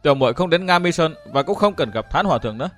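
A man's voice: fairly high pitch, lively intonation, very fast, faint music behind. A man reading a story aloud and voicing a fiery, sulky young woman who scolds sharply and breaks into tears. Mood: stern. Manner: sharp, scolding, tearful outbursts.

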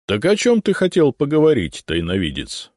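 A man voicing the quiet, gently amused middle head of an ancient three-headed dragon guardian. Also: a little high, huge pitch swings, moderate pace, dry recording, clean studio sound, voice pushed up. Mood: calm. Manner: quiet, soft, mildly amused.

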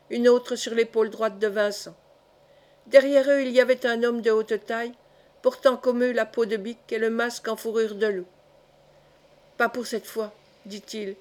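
Female audiobook narrator, slightly high voice, measured literary reading. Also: a little mellow. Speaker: audiobook reader.

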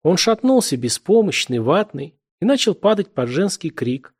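A man reading literary prose aloud as an audiobook narrator, in a steady, measured storytelling manner. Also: high-pitched, slightly rough.

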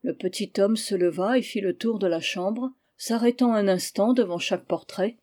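Mellow-voiced man reading a novel. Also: high-pitched. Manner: measured literary reading. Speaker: audiobook reader. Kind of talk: scripted narration.

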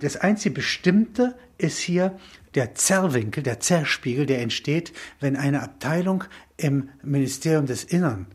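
Speaking in halting, emphatic bursts punctuated by little tag questions, a husky-voiced man lays out a film concept as an interview guest. His voice sits a little high and sounds animated, and the discussion is spontaneous and intellectual.

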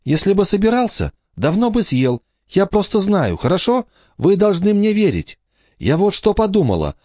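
A stubborn little girl pleads with her siblings in a high, insistent voice, as a man reads her out. The audiobook recording is dry and close, and the pitch swoops widely. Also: huge pitch swings, moderate pace, darkish tone, no echo, heavily acted. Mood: pleading. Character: young girl, youngest sister, stubborn and pleading.

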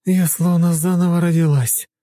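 A man voicing a dazed, weary woman who has just been made younger, in an audiobook, using a high put-on voice. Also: steady tone, normal speed, dark tone, dry recording, natural voice. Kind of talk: audiobook narration.

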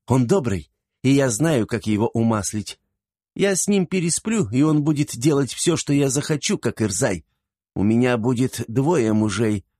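A man's voice: mid-range voice, lively intonation, moderate pace, a little mellow, no room sound, clean studio sound, voice pushed up, natural voice. A man voicing an insolent, haughty young woman in an audiobook, with a scornful, brazen manner.

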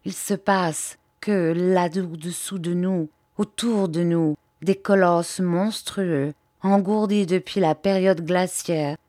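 Woman reading grave anxious male explorer, earnest urgent explaining, audiobook, low voice, dry close mic. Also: steady tone, slow pace, few pauses, warm tone, dry recording.

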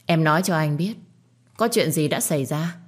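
A woman voicing a calm, firm young man in a storybook reading, an elder brother who questions steadily. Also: low voice, normal speed, slightly rough.

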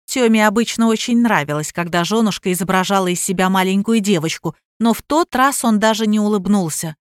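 A woman narrating a novel as an audiobook reader, telling it in a lively, expressive way. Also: mid-range voice, a little fast, clean tone, no echo, studio quality. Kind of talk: scripted narration.

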